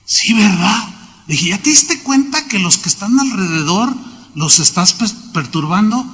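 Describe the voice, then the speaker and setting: A man with a Mexican accent preaching a sermon, telling stories with lively exclamations and acted-out claps in a church auditorium. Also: high-pitched, moderate pace. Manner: animated storytelling, acts out exclamations and claps. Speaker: pastor. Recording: large reverberant church hall.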